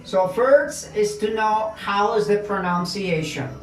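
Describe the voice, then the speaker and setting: A woman teaches a grammar class at an unhurried pace, repeating words so learners can drill them. Her voice sits in the middle range. The room is echoey, with faint music behind her. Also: mid-range voice, expressive. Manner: explains slowly, switching between English and Spanish, repeating words for drill. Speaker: English teacher. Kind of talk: bilingual grammar lesson.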